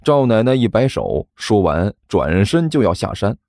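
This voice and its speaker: A man narrating an audiobook in an expressive storytelling manner. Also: on the low side, moderate pace, gravelly, no echo, studio quality.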